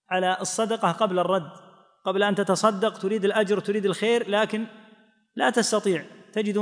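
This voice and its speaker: A man giving a measured religious lesson, explaining texts and voicing quoted speakers. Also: high voice, long reverb tail. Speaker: teacher explaining hadith.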